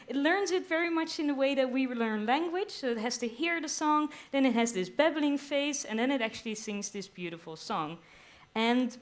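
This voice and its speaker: A young woman with a fairly high voice talks on a live stage, explaining her science to a crowd with enthusiasm. She delivers it as a lively, explanatory talk, with playful little asides. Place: live stage at a theater venue.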